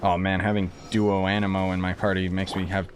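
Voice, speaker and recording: A low-voiced gaming streamer talks fairly fast in a totally flat tone, grumbling sarcastically and swearing mildly while he plays. Game music runs underneath, along with some background noise.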